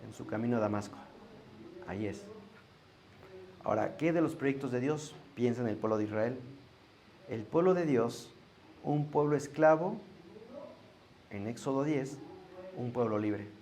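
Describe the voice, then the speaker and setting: Gravelly Mexican pastor preaching. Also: male voice, mid-range voice, measured pace, long pauses, darkish tone. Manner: conversational teaching, asks the congregation questions. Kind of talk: sermon.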